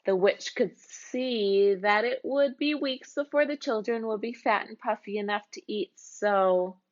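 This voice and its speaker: A woman reads a children's storybook aloud, narrating expressively. Her voice sits in the middle range and moves at a measured pace, though the audio sounds dull.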